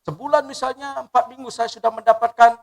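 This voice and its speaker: High-voiced male pastor, emotional sermon. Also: fairly even intonation, vocal fry, rough recording. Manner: emotional, shifts between loud emphasis and hushed, slow speech. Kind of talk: sermon with personal testimony.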